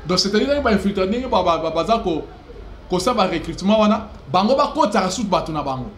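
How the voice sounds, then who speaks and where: A man's voice: sits high, lively intonation, a little fast, fairly bright tone, reverberant, slight background noise. A man with a Congolese accent hosting a political news commentary, impassioned and mixing languages, with emphatic rising bursts. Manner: impassioned, switching between French and Lingala, with emphatic rising bursts. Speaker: host of a news commentary channel.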